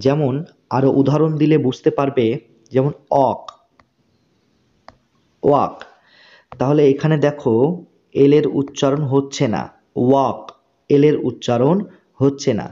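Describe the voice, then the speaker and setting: A man teaching spoken English in a slow, patient way. He repeats each word and often checks that the learner has understood. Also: mid-range voice, steady tone, dark tone, muffled recording.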